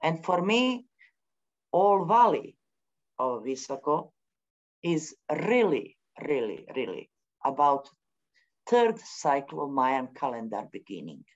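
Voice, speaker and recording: Woman, middle-aged, low voice, slow and halting English, spontaneous spiritual talk, dull lo-fi recording. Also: lively intonation. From Bosnia. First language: Bosnian. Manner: halting, searching for words with many pauses; non-native English grammar. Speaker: forum speaker.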